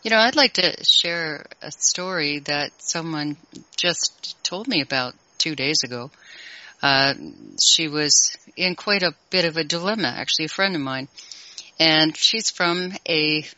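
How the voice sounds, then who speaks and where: A co-host talking casually, telling a story with relaxed filler words. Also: mid-range voice, unhurried, no room sound. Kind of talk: casual conversation. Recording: dry, dull lo-fi audio.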